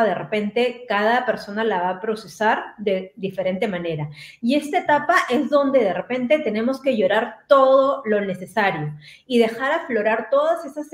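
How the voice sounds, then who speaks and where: A woman speaking as a guest, explaining the stages of grief in a measured, step-by-step way. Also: fairly high pitch, reverberant.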